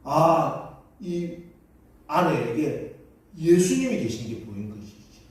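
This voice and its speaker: A man's voice: a little high, very animated, takes it slowly, a little mellow. A man preaching a Sunday sermon as pastor, telling a story and acting out the people in it with rising emphasis. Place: large church sanctuary. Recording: echoey church hall from far off.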